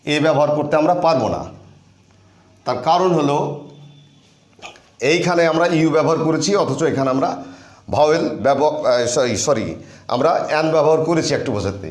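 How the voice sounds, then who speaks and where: A man teaching a grammar lesson, explaining patiently step by step and repeating key phrases. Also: a little high. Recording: echoey room.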